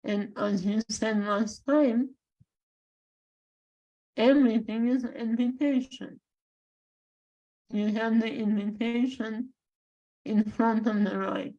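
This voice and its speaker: A woman from Bulgaria with a Bulgarian accent, a guest speaking in a measured, halting way with long pauses. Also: on the high side, fairly even intonation, mellow, lo-fi sound. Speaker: guest, life coach and spiritual guide. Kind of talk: slow reflective interview talk.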